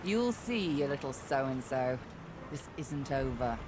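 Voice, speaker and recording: A woman's voice: rumbling low, animated, slow pace, background noise, heavily acted. An actress playing a scornful, scolding woman in a video game. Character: scornful, defeated schemer scolding and warning.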